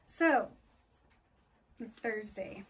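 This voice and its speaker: A woman co-hosting a podcast, chatting casually and retelling a story with lively bursts of character voices. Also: mid-range voice, husky, poor audio. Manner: animated storytelling, slipping into quick voices for the characters. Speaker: podcast co-host. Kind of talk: casual book-club chat.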